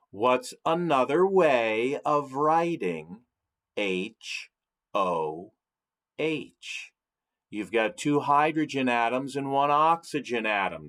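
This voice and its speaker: A male science teacher giving a recorded chemistry lecture. He speaks slowly and carefully, and his pitch rises and falls a lot as he stresses key words. He keeps asking his students questions to help them remember. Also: fairly bright tone. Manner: slow, deliberate, asks students questions.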